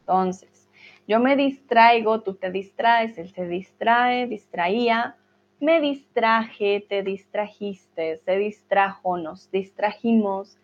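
Speaking slowly at a medium pitch, a Spanish teacher runs a live online grammar lesson, patiently drilling verb conjugations aloud while reassuring her students. The audio is lo-fi and slightly dull.

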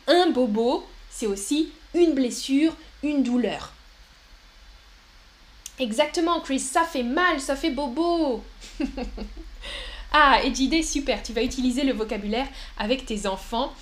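High-voiced woman teaching French. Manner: slow and clear, repeats words, puts on a babyish voice for examples. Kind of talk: live-stream language lesson.

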